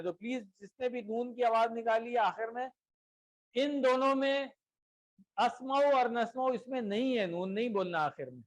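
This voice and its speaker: A man's voice: very high-pitched, poor audio. A man teaching a class, patiently drilling verb forms and often checking that students have understood. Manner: slow, deliberate repetition of word lists.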